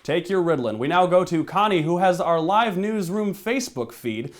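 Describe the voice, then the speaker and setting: A man playing a smug, deadpan parody TV news anchor in a mock newscast, dry and dismissive. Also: high voice, normal speed. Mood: dry, businesslike.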